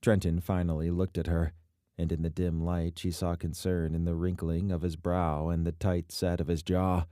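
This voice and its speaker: Man, audiobook narrator, deep dark voice, steady reading, dry close sound. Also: moderate pace, clean tone, no echo. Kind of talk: scripted narration.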